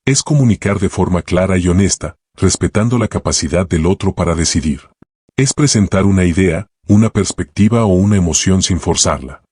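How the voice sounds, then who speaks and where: A man narrating a self-help audiobook in a calm, measured way, speaking in short reflective phrases. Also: sits low, breathy edge, no room sound, clean studio sound.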